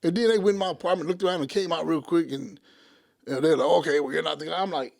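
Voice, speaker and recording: High-voiced man telling animated stories. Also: fast talker, gravelly. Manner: animated, acts out quoted people. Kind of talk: casual storytelling chat.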